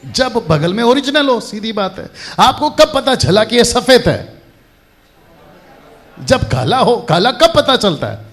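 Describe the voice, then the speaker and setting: A man preaching a lively sermon to a church audience, quizzing the crowd and repeating phrases for emphasis. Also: extremely high pitch, a little slow. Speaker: pastor. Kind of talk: lively sermon to a live congregation.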